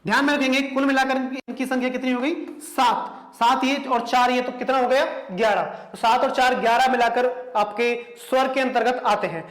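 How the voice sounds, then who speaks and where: A man's voice: very high-pitched, steady tone, moderate pace, hardly any pauses, fairly bright tone. A man teaching an exam-prep class, often asking the students rhetorical questions and repeating his points. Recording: echoey room.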